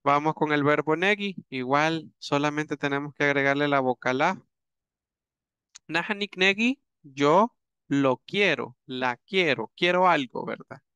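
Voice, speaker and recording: A man teaching a grammar lesson, patient and repetitive, with many pauses and fillers as he works through examples. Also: fairly high pitch, bright, forceful tone, clean tone, dry recording. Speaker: language teacher.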